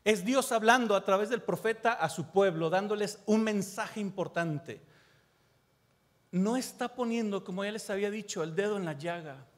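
High-voiced preacher in a reverberant hall. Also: male voice, normal speed. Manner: impassioned, repeats phrases, asks the listener direct questions. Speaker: pastor. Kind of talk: sermon. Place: church. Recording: long reverb in a large hall.

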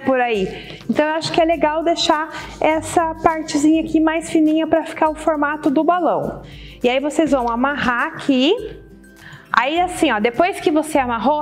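A woman in her thirties with a Brazilian accent, chatting through a hands-on demonstration as a tutorial host and often checking in with viewers. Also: high-pitched. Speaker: balloon decoration tutorial host. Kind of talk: casual instructional demonstration to camera. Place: indoor studio set with balloon wall and table.

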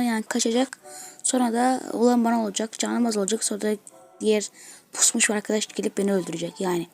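A woman giving excitable gameplay commentary as a gaming video host, trash-talking opponents as she plays. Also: a little high, vocal fry. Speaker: gaming YouTuber.

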